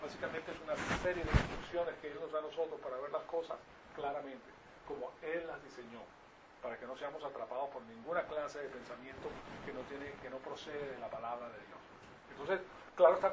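Man, sermon-style bible class, higher voice, emphatic loud peaks, questions the audience, distant from the mic, noisy lo-fi sound. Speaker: Bible teacher. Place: room with a live audience. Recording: distant lo-fi recording with noise.

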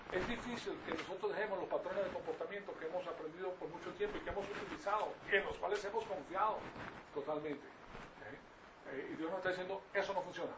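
A man teaching a Bible class in sermon style, questioning his listeners and rising to loud emphatic peaks. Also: sits high. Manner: engages the audience with questions. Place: room with a live audience. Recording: distant lo-fi recording with noise.

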